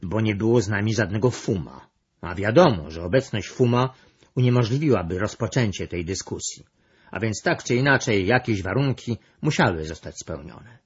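A man's voice: fairly low pitch, animated, moderate pace, breathy edge. Kajetan, a man voicing an earnest male creature. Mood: formal. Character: earnest male creature who leads discussions. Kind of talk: storybook reading. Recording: dull lo-fi recording.

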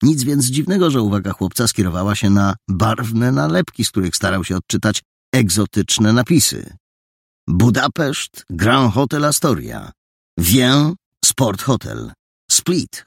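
A man narrating a story aloud in an expressive reading style. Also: lowish voice, gravelly, slightly rough, dry recording, clean studio sound. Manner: expressive reading with many character voices. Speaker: audiobook narrator.

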